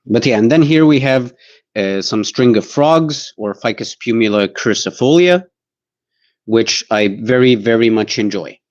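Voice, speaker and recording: A man's voice: mid-range voice, animated, unhurried, darkish tone, muffled recording. A young man giving a casual, joking live tour, talking in an easygoing, rambling way.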